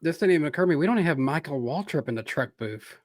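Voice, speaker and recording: Low-key man making short remarks. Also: animated, rapid-fire, no room sound, clean studio sound. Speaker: podcast co-host. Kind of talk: casual motorsport chat.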